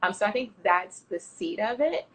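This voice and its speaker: A woman's voice: medium pitch, normal speed. Chatty woman from Miami, Florida. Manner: chatty, animated retelling with acted-out quotes and many fillers. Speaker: guest, travel platform founder. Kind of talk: casual interview storytelling.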